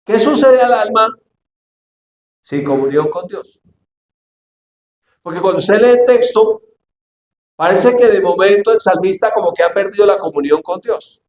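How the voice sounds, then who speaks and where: A man's voice: high-pitched, lively intonation, measured pace, pauses often, darkish tone. A man preaching a sermon to a congregation, reading scripture and often asking them questions. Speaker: pastor. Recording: echoey hall with faint ambience.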